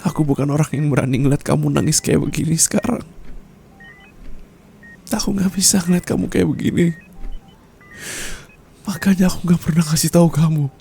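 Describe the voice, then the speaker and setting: A young man plays a dying husband in a whispered role-play, murmuring tender apologies close to the mic. The voice is warm and dark with a gravelly edge, and a faint hiss sits behind it. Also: on the high side, normal speed, long pauses. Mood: consoling.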